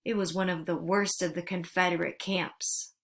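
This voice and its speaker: Woman narrator for a storybook read-aloud, steady and earnest in her delivery. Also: fairly low pitch, normal speed.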